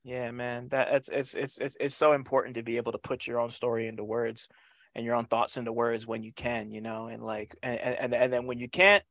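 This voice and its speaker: A man's voice: mid-range voice, fairly even intonation, fairly bright tone, no room sound, clean studio sound. A man talking casually in an interview, repeating words as he feels his way along, with loose slang and swearing. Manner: halting, repeats words, frequent "you know". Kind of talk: casual conversational interview talk.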